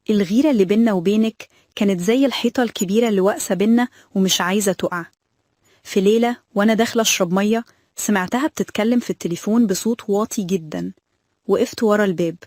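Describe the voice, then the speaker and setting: A woman's voice: mid-range voice, darkish tone, no echo, clean studio sound. A young woman with an Egyptian accent, telling her own story in a dramatic, emotional scripted narration. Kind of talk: scripted first-person storytelling.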